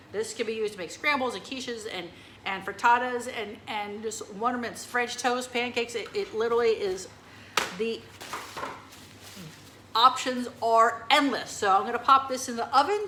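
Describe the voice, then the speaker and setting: Female cooking-show host, bright and tense voice, chatty, echoey kitchen. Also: fairly high pitch, a little hiss or hum. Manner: chatty and enthusiastic, with many fillers. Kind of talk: casual cooking demonstration.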